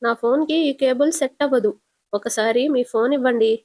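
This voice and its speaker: A woman's voice: fairly high pitch, a little mellow, natural voice. A woman voicing a sly young woman who answers defensively while scheming, in a retold serial episode. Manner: defensive, quick comebacks.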